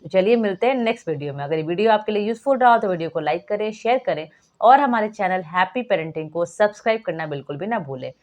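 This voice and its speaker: A woman giving a patient phonics lesson for parents. She poses questions and answers them herself, stretching the vowels as she sounds out short words. Her pitch sits in the middle range. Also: animated, quick pace, a little mellow. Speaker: teacher for parents.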